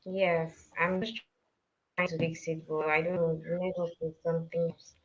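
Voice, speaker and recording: A woman with a fairly low voice comes through a muffled, dull internet call that keeps cutting out. She talks apologetically while she tries to fix her connection. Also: level tone, normal speed. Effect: call audio breaking up from a bad network connection. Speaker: caller on a live stream.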